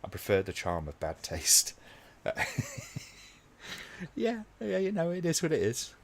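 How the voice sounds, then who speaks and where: A man hosting a casual watch-along live stream, talking to his chat in a relaxed, rambling way with many ums. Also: a little high, a little slow, slight background noise.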